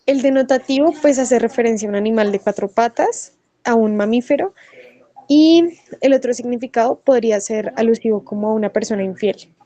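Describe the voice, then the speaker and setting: A woman student answers the teacher's question, unsure of herself and voicing her words as questions. Her voice sits a little high but sounds mellow and soft-edged. It is recorded dry and close. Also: a little fast, no echo. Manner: hesitant, tentative answers. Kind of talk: answering in class.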